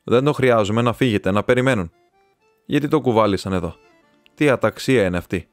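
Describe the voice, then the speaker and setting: A man's voice: mid-range voice, expressive, no echo, soft background music, lightly acted. A man voicing an irritable middle-aged magistrate who questions sharply and gets flustered. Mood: irritated.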